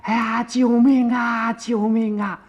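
A man's voice: fairly high pitch, lively intonation, slow pace, highs cut off. A man voicing a cunning bone demon disguised as an old man, who wails, pleads and gloats. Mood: pleading. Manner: whining, pleading, then gloating.

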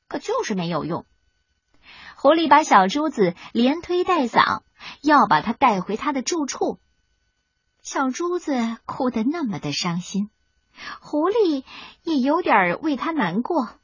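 A woman narrating a children's storybook in a lively, expressive reading. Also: high-pitched, a little slow, dry recording. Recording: dull lo-fi recording, faint music.

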